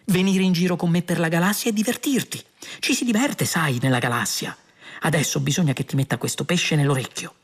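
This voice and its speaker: A man's voice: a little high, fairly quick, husky, pitched above the performer's own voice. A man voicing Ford, a cheerful, smug alien who talks in a breezy, teasing way in an audiobook. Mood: amused. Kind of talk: audiobook character voice.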